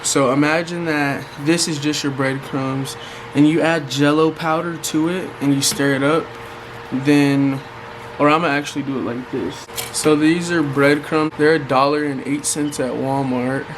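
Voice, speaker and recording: Higher-voiced American man, noisy vlog recording. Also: fairly even intonation, measured pace. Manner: informal, colloquial, addresses viewers as "y'all" and "guys". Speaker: vlogger giving a fishing bait tutorial. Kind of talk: casual how-to vlog chat. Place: hot room at home with a fan running. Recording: noisy home recording with fan hum. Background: fan noise.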